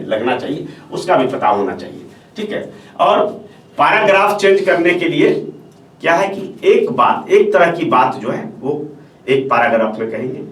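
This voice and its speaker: A male teacher giving a step-by-step classroom lecture on answer writing, repeating phrases and checking in with the class as he goes. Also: mid-range voice. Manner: explains step by step, repeats phrases, often says "ठीक है". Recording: echoey room, voice from far off, faint hiss.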